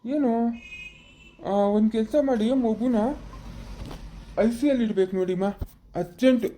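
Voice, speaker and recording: A stern, brisk hospital doctor, played by a woman in a homemade family drama skit. Her voice is a little high but dark and mellow. She scolds firmly and gives quick orders. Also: a little hiss or hum, lightly acted. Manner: brisk, scolding, takes charge.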